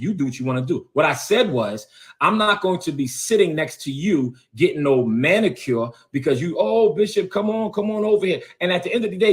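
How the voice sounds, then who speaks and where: A man, a bishop, ranting confrontationally on his own livestream, repeating himself and calling people out. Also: fairly high pitch. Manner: confrontational, repetitive, heated. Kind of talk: livestream rant. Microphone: phone or webcam on a livestream.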